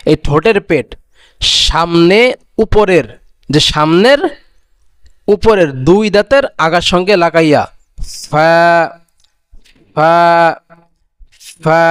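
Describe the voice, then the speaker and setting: Male Quran teacher, high voice, unhurried drilling, dry close recording. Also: clean tone, no echo. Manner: drills each letter twice, stretching the sound, then asks and answers his own questions. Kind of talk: slow recitation lesson on Arabic letter sounds.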